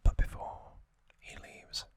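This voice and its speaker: Slowly and softly, a male ASMR host whispers his way through a story, keeping each phrase short and hushed.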